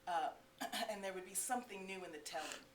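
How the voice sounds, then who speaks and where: A middle-aged woman reading from her own book to a live bookstore audience, breaking into animated, laughing asides. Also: medium pitch, brisk. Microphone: distant room mic. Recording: echoey room, mic far off, faint hiss.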